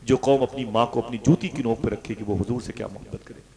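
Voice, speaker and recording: Impassioned male preacher, hushed to declaiming. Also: mid-range voice, fast talker. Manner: swings from loud impassioned declaiming to hushed, grieving tones. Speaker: Islamic speaker. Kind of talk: emotional religious storytelling sermon.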